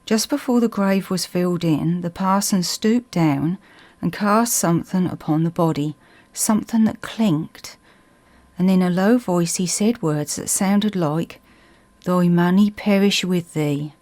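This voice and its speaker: A woman narrates a ghost story in a Suffolk accent. Her voice sits a little low, and she reads the scripted tale in a measured storyteller's way. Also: darkish tone.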